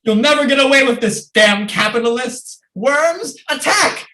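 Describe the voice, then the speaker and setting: A woman's voice: mid-range voice, lively intonation, a little slow, background noise, natural voice. A woman playing a grandiose, villainous male failed chemist in a comic play, declaiming pompously and theatrically. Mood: grandiose, defiant. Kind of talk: comic stage-play acting.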